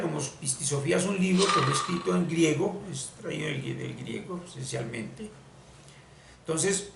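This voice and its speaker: A man with a deeply gravelly, creaky voice gives a slow, deliberate lesson, repeating key words as he explains. His pitch sits a little high and moves a lot. He sounds distant from the mic, in a roomy space with a faint hiss behind him. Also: fairly bright tone. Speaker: spiritual teacher. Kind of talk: explanatory screen-share lesson.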